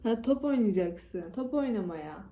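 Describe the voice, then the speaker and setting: A woman's voice: mid-range voice, animated, a little slow, background noise. A woman talking to a baby as a mother at mealtime, coaxing the child in short, repeated, casual phrases. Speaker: mother feeding her toddler.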